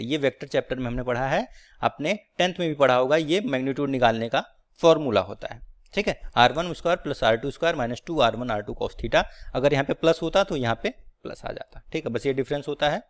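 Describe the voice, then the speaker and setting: Man teaching physics step by step. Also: mid-range voice. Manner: explains step by step, often checking with "ठीक है". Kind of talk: blackboard physics lecture.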